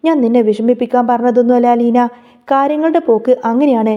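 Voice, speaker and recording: A woman's voice: fairly high pitch, fast talker, highs cut off, natural voice. A woman voicing a worried, protective young man in a read-aloud story, speaking earnestly and urgently.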